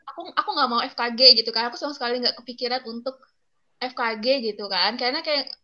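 Bright-voiced chatty young woman. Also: a little high, quick pace. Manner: chatty, rambling, many fillers. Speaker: interviewee. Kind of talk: casual storytelling. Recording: muffled lo-fi recording.

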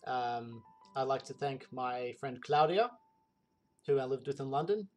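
A man's voice: mid-range voice, expressive, unhurried. Man, podcast player, chatty thanks, um-heavy, faint music behind. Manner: chatty and grateful, with "um" fillers. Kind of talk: casual thank-yous.

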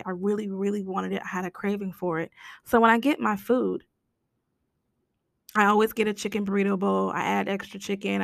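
An American woman hosting a casual solo podcast rant, hoarse with her voice nearly gone, raspy and whispery, speaking bluntly. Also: mid-range voice, a bit bright, dry recording, clean studio sound. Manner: blunt, complaining, mildly sweary. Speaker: podcast host.

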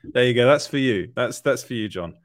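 A man's voice: medium pitch, animated, a little fast, no room sound, studio quality. A man hosting a casual live stream, reading chat comments aloud with lots of fillers and laughter. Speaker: livestream host reading chat.

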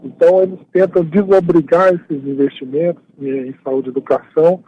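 A man speaking by phone as a radio interview guest, explaining at a steady pace and often tagging his phrases with a questioning "right?". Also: a little high, normal speed, a little hiss or hum. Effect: heard over a phone line. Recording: tinny dry phone line.

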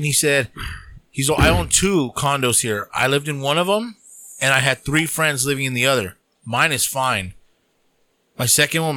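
A man's voice: medium pitch, sharp tone, no room sound. A man co-hosting a podcast, talking loosely and animatedly, swearing freely as he tells stories. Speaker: podcast co-host. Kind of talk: casual chat.

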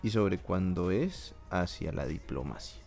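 A man's voice: sits low, expressive, a little slow, creaky, a little mellow, faint music behind. A man hosting a podcast in casual chat, joking crudely and teasing his guest. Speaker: podcast host.

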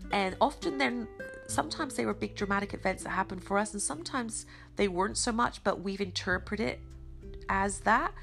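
A middle-aged woman with a slightly hoarse, croaky voice hosts a motivational podcast, speaking earnestly and encouragingly with emphatic pauses. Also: mid-range voice, animated, a bit bright, faint music behind. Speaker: podcast host. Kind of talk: motivational self-help monologue.

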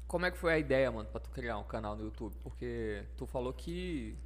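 A man with a Brazilian Portuguese accent co-hosting a podcast in relaxed, slang-filled conversation. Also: mid-range voice, a little fast. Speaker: podcast co-host. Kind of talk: casual banter with slang.

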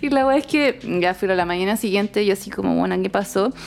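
Young Chilean woman, casual podcast chat, animated slangy storyteller, mid-pitched. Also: quick pace, creaky.

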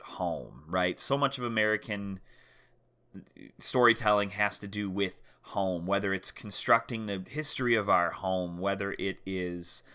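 Guy with a really low bright voice, rambly film talk, keeps saying right. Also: unhurried, clean tone. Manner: rambling, circles back with "right?". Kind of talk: casual academic discussion.

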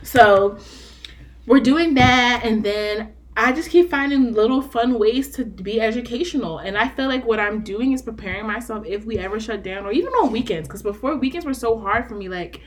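A young woman and mother co-hosting a casual podcast, telling stories and quoting herself in bright, raised tones. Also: a little high, normal speed. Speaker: podcast co-host. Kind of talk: casual chat.

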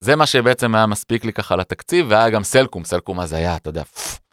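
A man telling an animated personal story in a casual conversation, acting out the voices of people in it. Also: lowish voice, dry recording, studio quality. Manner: animated, acts out voices in his anecdotes. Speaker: educator and podcast guest.

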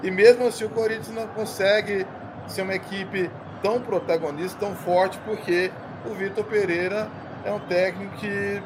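A Brazilian man giving unscripted match analysis as a pundit, critical and halting, repeating his words. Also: high voice, fairly even intonation. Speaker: football pundit. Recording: clearly noisy, outdoor ambience.

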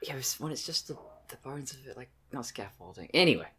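A man's voice: mid-range voice, expressive, a little fast, sharp tone. A man who works as a costume designer chatting casually on a podcast, with joking, playful asides. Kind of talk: casual chat.

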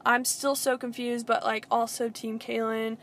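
High, gravelly young woman chatting. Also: level tone, moderate pace, a bit bright, slight background noise. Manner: rambling, filler-heavy with frequent "like". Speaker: podcast co-host. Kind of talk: casual pop-culture chat.

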